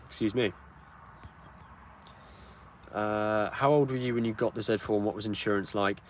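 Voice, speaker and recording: A British man in his twenties, chatting casually through a live-stream Q&A beside his car and answering viewer questions. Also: mid-range voice. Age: 20s. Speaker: channel host. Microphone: camera on a tripod. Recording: outdoor street and engine noise. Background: car engine and outdoor ambience.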